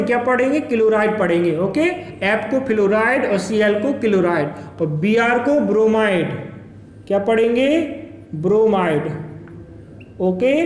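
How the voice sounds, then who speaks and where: Male chemistry teacher, very high voice, call-and-response lecture style, echoey room. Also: slight background noise. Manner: repeats each term and keeps asking "क्या पढ़ेंगे?".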